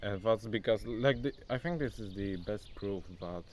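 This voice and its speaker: A young non-native English speaker vlogs casually into his phone in a rural area near a forest, chatty and loose, calling the viewer "bro." His pitch is fairly low and his pace moderate. Slight background noise joins faint insects and outdoor nature sounds.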